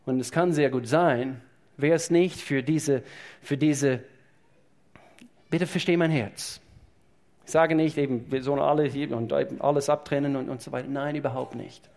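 A man's voice: medium pitch, fairly even intonation, moderate pace, creaky, darkish tone. A man preaching a sermon to his congregation, emphatic and repeating key phrases as he speaks to them directly. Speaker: pastor. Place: church service.

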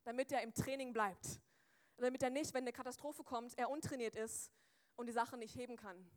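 A woman preaching a sermon close to the microphone, lively and chatty, acting out little scenes and turning to her listeners with asides. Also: fairly high pitch, normal speed.

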